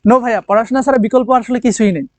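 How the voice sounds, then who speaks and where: A man's voice: very high-pitched, no echo. A man teaches an English lesson for admission exams. He asks his students questions, answers them himself, and draws out the key words. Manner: drawn-out emphasis on key words. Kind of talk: online admission coaching lesson.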